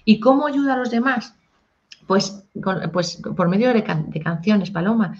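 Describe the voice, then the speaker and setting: A woman, a singer-songwriter and music teacher talking casually in an interview, animated and chatty. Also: mid-range voice, moderate pace. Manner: animated, sings short improvised snippets. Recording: dull lo-fi audio.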